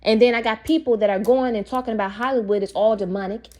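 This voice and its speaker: A woman's voice: on the high side, steady tone, fast, a little mellow. A young woman giving an opinionated, preachy monologue as a video host, talking straight to her viewers. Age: young adult. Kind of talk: casual monologue to camera.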